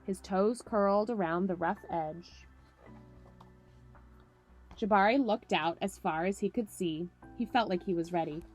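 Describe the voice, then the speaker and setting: A camp director reads picture books to children during a story time, speaking simply and encouragingly over background music. Her medium-pitched voice is a little slow, and she pauses often.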